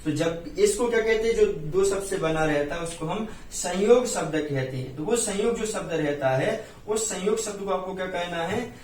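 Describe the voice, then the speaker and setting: A man with a Hindi accent teaches a Jain hymn line by line, slowly chanting verses and explaining each word. His voice sits somewhat high and comes from a distance in a roomy, echoing space. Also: expressive, a little mellow, slight background noise. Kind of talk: teaching Sanskrit hymn recitation and meaning. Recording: roomy echo, distant from mic.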